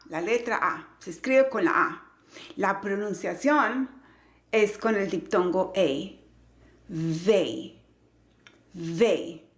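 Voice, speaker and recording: Slow, careful woman teaching pronunciation. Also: medium pitch, reverberant. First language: Spanish. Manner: slow, careful, repeats example words. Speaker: English teacher. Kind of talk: explaining pronunciation to learners.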